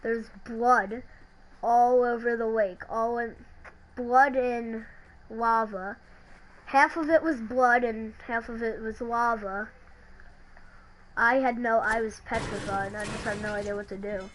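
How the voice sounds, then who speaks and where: A woman telling a creepy story in a halting, hesitant way, often restarting her sentences. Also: a little high, steady tone, poor audio. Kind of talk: creepypasta narration.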